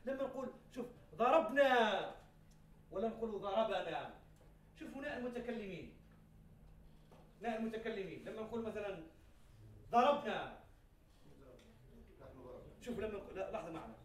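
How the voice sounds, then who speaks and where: High-voiced male grammar teacher in an echoey classroom. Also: quick pace, pauses often, far from the mic, slight background noise. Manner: explains by repeating examples, asks the class questions, laughs now and then.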